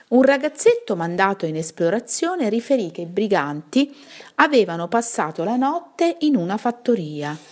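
A woman teacher reading a bedtime story aloud to her pupils in an expressive storytelling way. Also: medium pitch.

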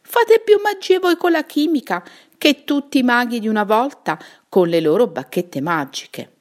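Lonely old storybook wizard voiced by a woman, wistful, rambling, swinging pitch. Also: lively intonation, normal speed, natural voice. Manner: rambling, wistful, self-pitying. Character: lonely old male wizard, sad and talkative.

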